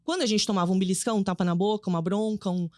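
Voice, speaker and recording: A woman psychoanalyst talking casually on a podcast, explaining fast with lively emphasis. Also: mid-range voice, no echo, clean studio sound. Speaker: psychoanalyst guest.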